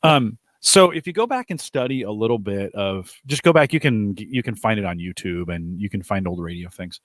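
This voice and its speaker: A man's voice: on the low side, animated, moderate pace, no room sound, studio quality. A man co-hosting a casual podcast chat, talking thoughtfully and often restarting his sentences. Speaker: co-host.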